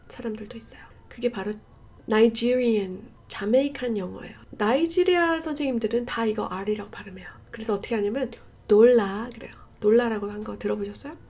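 A woman's voice: fairly high pitch, slightly rough. A woman teaching English pronunciation in a video lesson, repeating words for drilling and mixing English into her talk.

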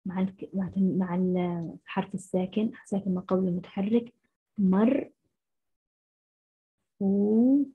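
A woman teacher, giving a first-grade phonics lesson and sounding out syllables slowly. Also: lowish voice, level tone, slightly rough. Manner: slow, syllable-by-syllable sounding out of letters. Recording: muffled lo-fi recording.

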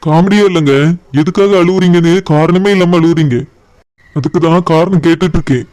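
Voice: medium pitch, fairly quick, darkish tone, close to an everyday voice. A voice actor playing a young married husband in a cartoon, reasoning and pleading with a suspicious wife, with a little sarcasm. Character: patient married young husband defending himself. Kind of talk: cartoon voice acting.

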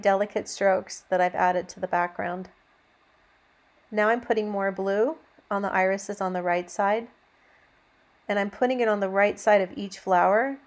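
Female painting teacher, mid-pitched, gentle and encouraging, narrating a step-by-step demo. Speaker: painting instructor. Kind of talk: instructional demonstration narration.

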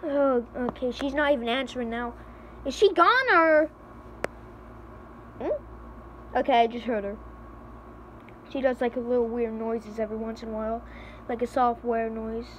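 High-pitched panicky teen girl. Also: normal speed, long pauses, slight background noise. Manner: panicky, pleading, shouting for help. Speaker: vlogger. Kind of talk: comedy skit vlog.

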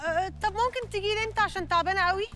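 An actress playing a tired, whiny pregnant employee with an Egyptian accent. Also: female voice, very high-pitched, rapid-fire, bright, forceful tone, faint music behind. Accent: Egyptian Arabic. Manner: whiny, pleading.

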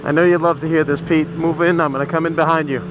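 A man's voice: on the high side, flat delivery, fast, noisy background. A man joking and teasing with fellow riders over a helmet intercom while riding a motorcycle. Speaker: motorcycle vlogger. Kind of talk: casual chat between riders. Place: riding a motorcycle outdoors on roads. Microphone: helmet bluetooth intercom.

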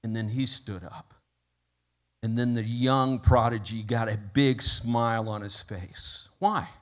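Male pastor, mid-pitched voice, preaching in a church with building passion and softer prayer. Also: slow pace. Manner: storytelling with rising intensity, then soft prayer. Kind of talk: sermon. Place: church sanctuary.

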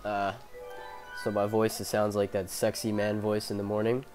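Sick young man with a low voice. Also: monotone, normal speed, darkish tone, soft background music. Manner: profane, rambling, self-mocking. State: sick, coughing. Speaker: gameplay commentator. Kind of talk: casual game commentary. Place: his bedroom. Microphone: headphone mic.

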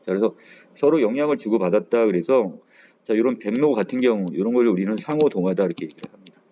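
A male teacher giving a recorded grammar lecture, explaining step by step and starting most phrases with a drawn-out filler. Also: fairly low pitch, animated. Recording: tinny phone-like recording with faint hiss.

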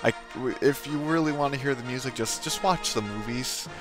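A man's voice: mid-range voice, brisk, over music. A man hosting a let's play, giving casual gameplay commentary in a rambling, hesitant way with many restarts.

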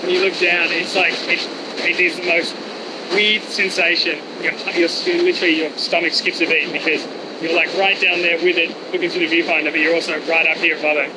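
A man filming from a cliff lookout, talking in a halting way as he searches for words. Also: fairly high pitch, level tone, noisy background. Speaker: vlogger filming with a camera. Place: outdoors on a steel cliff lookout above crashing waves. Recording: outdoor audio with loud surf.

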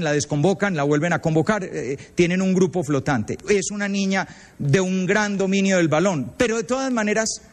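Colombian male speaker, high voice, animated storyteller, long hall reverb. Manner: lively storyteller acting out quoted voices. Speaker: retreat leader. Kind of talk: lecture to parents with anecdotes.

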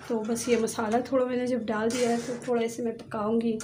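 A home cooking channel host talks casually while working at a gas stove, walking through each step and saying "theek hai" a lot. Her voice is fairly high and level, her pace brisk and chatty. The kitchen is noisy, and the sound comes across echoey and distant.

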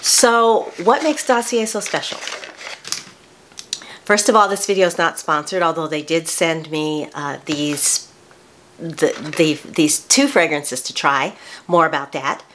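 In a small bedroom, a woman in her sixties hosts a casual product review vlog as a beauty vlogger, speaking in a low, unhurried, slightly bright voice. She's chatty, often restarting her sentences and correcting herself. A faint hiss or hum sits under the audio.

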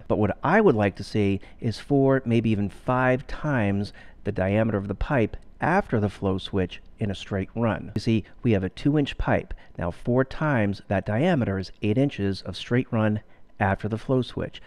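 Man, low voice, steady, explanatory, instructional voice-over. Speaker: pool care instructor.

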